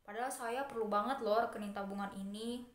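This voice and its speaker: Woman role-playing insistent mother customer, slightly high voice, pleading, informal, echoey noisy room. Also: steady tone, fairly quick, close to an everyday voice. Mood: pleading, annoyed. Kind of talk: amateur role-play. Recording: echoey room with background noise.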